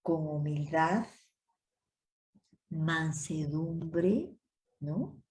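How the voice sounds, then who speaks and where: An older woman teaching a women's Bible study, giving homely advice with family anecdotes and dwelling slowly on scripture phrases. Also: sits low, darkish tone, low-quality recording. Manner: slow, deliberate scripture emphasis.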